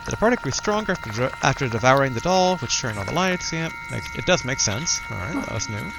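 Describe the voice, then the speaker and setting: A man's voice: medium pitch, big pitch swings, fairly quick, vocal fry, music in the background, low-quality recording. A man doing casual video game commentary, talking to himself in repeated short phrases and reading game text aloud.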